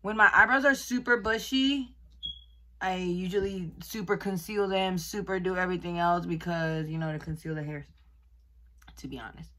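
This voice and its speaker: Bright-voiced young woman. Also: lowish voice, unhurried, low-quality recording. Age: 20s. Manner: switches between Spanish and English, giggly. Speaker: beauty vlogger. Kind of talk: casual get-ready-with-me chat. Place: small bedroom indoors.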